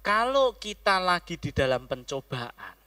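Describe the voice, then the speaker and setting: A male pastor giving an animated sermon, swinging from loud calls to hushed words. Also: high-pitched, measured pace, clear, resonant tone.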